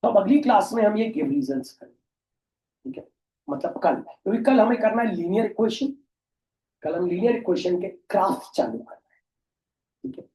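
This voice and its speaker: Tutor guy explaining science, kinda mellow voice, roomy echo and a bit far off. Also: high-pitched, animated, normal speed, pauses often. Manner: chatty, jokey teaching with mock dialogues; mixes Hindi and English. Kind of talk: classroom science lesson. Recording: echoey room, voice from a distance.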